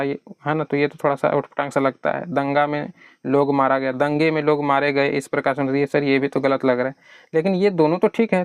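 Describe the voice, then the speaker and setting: A man's voice: a little high, dry recording, clean studio sound. A man teaching an exam prep lesson in a conversational way, answering his own questions on behalf of his students.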